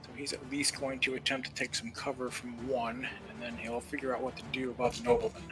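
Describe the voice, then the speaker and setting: Player, male, measured and brief, music clearly behind. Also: mid-range voice, little pitch movement. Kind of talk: casual tabletop play.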